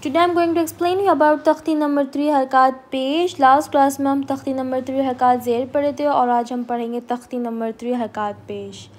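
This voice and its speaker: A woman teaching an online Quran recitation lesson. She explains pronunciation with English words mixed in, then drills syllables slowly and clearly. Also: sits high, steady tone. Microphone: video call or home recording.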